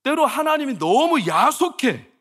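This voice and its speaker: A man in his forties, a senior pastor preaching a sermon in a chatty, conversational way, full of rhetorical questions, swinging between hushed storytelling and loud exasperated outbursts. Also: extremely high pitch, big pitch swings, measured pace.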